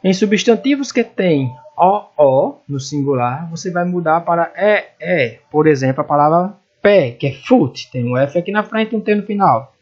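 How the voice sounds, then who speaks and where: A male English teacher whose first language is Portuguese explains grammar rules step by step. His voice sits fairly high and has a husky edge. He spells the English examples out letter by letter, and the recording sounds dull and lo-fi. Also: animated, normal speed, hardly any pauses, a little mellow. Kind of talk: grammar lesson walkthrough.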